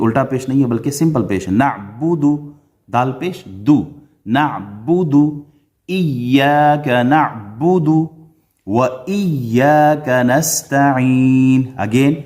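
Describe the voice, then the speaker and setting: A man teaches prayer recitation in a middle-pitched voice. He rattles off corrections, sets the wrong and right pronunciations side by side, and drops in English teaching terms. Then he slows into a melodic chant for each verse. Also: darkish tone. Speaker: Islamic teacher.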